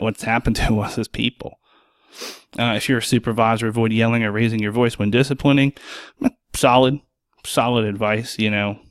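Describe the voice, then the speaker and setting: A man's voice: mid-range voice, a bit bright, no echo, studio quality. A man hosting a solo podcast as an EMS worker, speaking bluntly and sarcastically and swearing freely.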